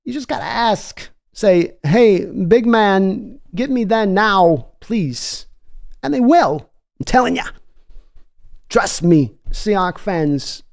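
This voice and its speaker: Brief: a man impersonating a blunt male football pundit, voice pushed up high, loud and punchy, chopping every thought short. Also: lively intonation, vocal fry, exaggerated voice. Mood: emphatic. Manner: short clipped phrases, drawn-out emphasis. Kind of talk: mock impression in a sports livestream.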